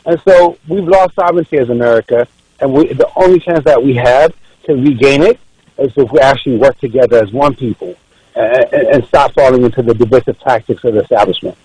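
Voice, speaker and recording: A man's voice: mid-range voice, fairly quick, warm tone, slightly rough, no room sound, poor audio. A man from Ethiopia, a political candidate guesting on a radio show, making his case earnestly and often repeating words as he restarts. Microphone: radio studio microphone.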